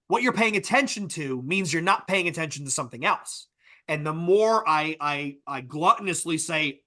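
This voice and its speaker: A podcast co-host with a bright, slightly raised voice talks through ideas in a loose, explanatory way. He keeps tagging his points with "right?" as he builds them out. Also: fairly high pitch. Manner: thoughtful, explanatory, repeats "right?". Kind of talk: casual discussion.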